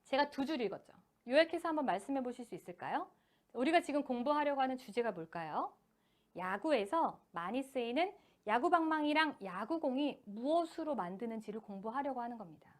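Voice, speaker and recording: A woman gives a lecture to parents in a high, bright voice. Her pitch leaps up and down with great animation as she speaks politely to them. When she reads example sentences aloud, she slows down and splits them into short, clearly spaced phrases. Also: animated. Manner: addresses parents politely, acts out parent and child quotes. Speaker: education team leader giving a lecture to parents. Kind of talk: lecture to parents on children's reading.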